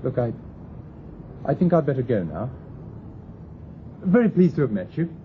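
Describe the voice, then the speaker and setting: In a BBC radio drama, a male actor with a British accent plays an earnest, polite young mathematician who has just arrived and is cautious, speaking formally and hesitantly. His natural, medium-pitched voice swings widely in pitch at a moderate pace, sounding polite and unsure. The recording is lo-fi and phone-like, with clear hiss.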